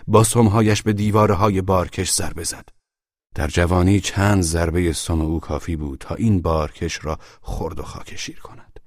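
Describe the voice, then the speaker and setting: Deep-voiced man narrating a story. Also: a little mellow, no room sound, clean studio sound. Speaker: audiobook narrator.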